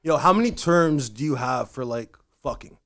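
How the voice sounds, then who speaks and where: A man's voice: mid-range voice, normal speed. A man with a Toronto slang accent, chatting casually and playfully in heavy slang. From Toronto, Canada. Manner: playful, animated banter.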